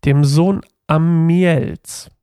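A man's voice: fairly high pitch, fairly even intonation, drawn-out words, mellow, no room sound, studio quality. A man reading the replies of a humble male servant to his king. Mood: dutiful. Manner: dutiful, read aloud.

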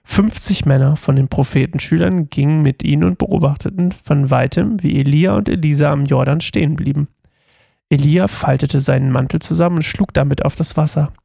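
A man reads a Bible passage aloud and then talks it over casually, stumbling and restarting here and there. His voice is warm and soft-toned with a gravelly fry. The recording is close and dry, with no room sound. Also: fairly high pitch, a little fast, no room sound. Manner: reads steadily with small slips and restarts, then talks loosely with fillers. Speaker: Bible reading podcast host.

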